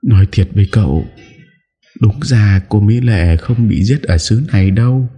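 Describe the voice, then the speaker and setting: Husky sly gangster woman, voiced by a man. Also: on the low side, moderate pace, warm tone, pitched above the performer's own voice. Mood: confessing. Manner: stammering, pleading. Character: shady middle-aged female gangster, nervous and sly. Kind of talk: audiobook character voice.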